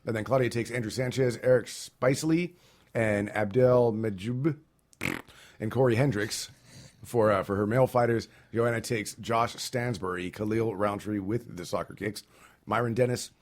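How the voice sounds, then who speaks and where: A man's voice: lowish voice, steady tone, moderate pace, darkish tone. Easygoing male podcast host, casual, giggly, reading off results. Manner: laughs often, reads off results loosely. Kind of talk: casual chat about fight results.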